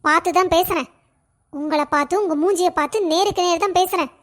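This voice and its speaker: A woman's voice: very high-pitched, quick pace. A woman voicing a young pregnant daughter-in-law, defiant when insulted and caring toward family. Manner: fiery when wronged, tender with family.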